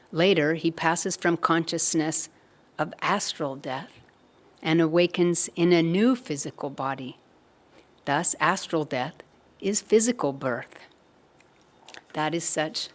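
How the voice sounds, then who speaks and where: Low-voiced woman leading a satsang. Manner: gentle, measured storytelling. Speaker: satsang speaker. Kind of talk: spiritual talk with storytelling.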